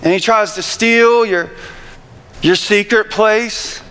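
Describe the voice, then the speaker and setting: A pastor preaching a sermon to his church, building to shouted emphasis and repeating his phrases. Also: sits high, slow, smooth. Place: church sanctuary with congregation. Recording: reverberant church hall, faint ambience.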